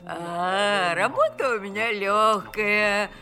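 A woman's voice: medium pitch, slow. An actress voicing a fussy, cooing old woman who dotes on her cats, in a radio play. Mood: matronly. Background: music.

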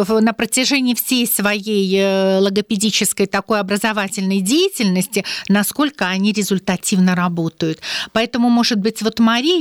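A woman's voice: medium pitch, no echo, studio quality. A woman speech therapist giving advice on live radio, hesitant and full of filler sounds as she searches for words. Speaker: speech therapist and teacher, studio guest.

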